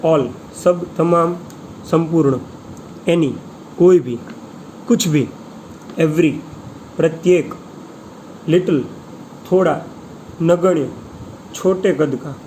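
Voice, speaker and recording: Man, slightly high voice, very slow word-list teacher, faint room noise behind. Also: darkish tone, poor audio. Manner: slow, deliberate, spells words letter by letter. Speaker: English teacher. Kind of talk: slow vocabulary lesson, reading word lists with Hindi meanings.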